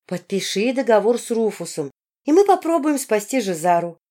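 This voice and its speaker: Woman doing a scheming princess, reproachful, coaxing, lively pitch. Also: normal speed. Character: scheming young princess, pleading and scolding. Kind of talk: audiobook character voice.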